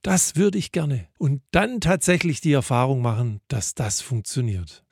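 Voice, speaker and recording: Slow, thoughtful male preacher. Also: mid-range voice, gravelly, a little mellow, slightly rough. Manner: thoughtful, measured. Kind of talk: devotional reflection.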